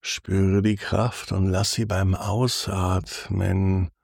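Man, sleep meditation guide, soothing and hushed, very unhurried, low creaky voice, long pauses. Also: level tone, no room sound, studio quality. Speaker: sleep podcast host and guide.

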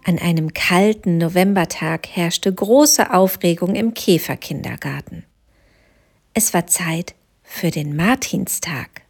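Slow, gentle woman reading a children's story. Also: fairly low pitch, husky, faint music behind. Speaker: narrator.

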